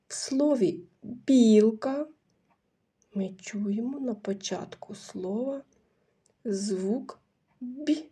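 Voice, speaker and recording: A woman's voice: mid-range voice, gravelly, warm tone, breathy edge. A woman teaching young children a phonics lesson, patiently asking questions, answering them herself and praising the class. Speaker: kindergarten teacher.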